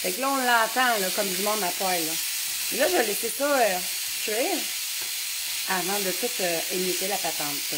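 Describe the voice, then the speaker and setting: A woman's voice: medium pitch, lively intonation, moderate pace, very noisy. A woman in her thirties with a Québécois French accent, chatting with viewers as she cooks during a live stream. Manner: chatty, talks to viewers' comments while cooking. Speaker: home cooking livestream host. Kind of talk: casual live cooking stream chat. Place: home kitchen with a sizzling pan.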